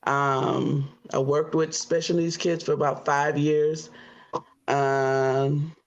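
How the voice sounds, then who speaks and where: A woman in her fifties from Florida introducing herself on a dating show, chatty, pausing often on "um" and quick to laugh. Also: deep voice, little pitch movement, dull audio. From Florida, USA. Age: 50s. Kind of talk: casual self-introduction. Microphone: computer on a video call.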